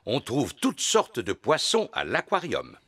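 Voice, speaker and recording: A man voicing a jovial, proud, gentle big daddy pig in a preschool cartoon, good-natured, chuckling and mildly pompous. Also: mid-range voice, huge pitch swings, measured pace, heavy background noise. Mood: warm, cheerful. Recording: loud cartoon music underneath.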